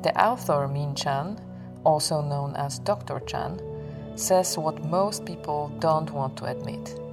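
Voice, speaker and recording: A woman host reading a scripted podcast introduction in an earnest, measured way. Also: deep voice. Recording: loud music under voice.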